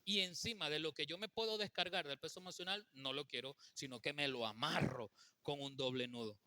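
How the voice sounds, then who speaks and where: A man's voice: on the high side, brisk, pushed and bright, no room sound. A man giving a faith-based teaching talk on marriage, speaking emphatically and often checking in with his listeners.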